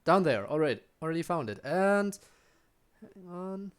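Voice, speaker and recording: A young native German speaker with a German accent streams a game and chats casually with his viewers, full of ums and restarts. His high-pitched voice is expressive and unhurried, with a clean tone.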